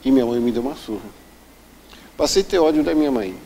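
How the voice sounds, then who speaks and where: Man with a dark mellow voice telling his story. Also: mid-range voice, lively intonation, quick pace, a little hiss or hum, poor audio. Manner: earnest, vivid retelling that often acts out the people involved. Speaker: interview guest. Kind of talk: personal life story told in an interview.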